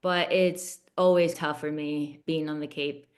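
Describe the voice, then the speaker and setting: A woman from Venezuela, co-hosting a casual podcast chat, friendly and quick to laugh. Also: low-pitched, fairly even intonation. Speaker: podcast co-host.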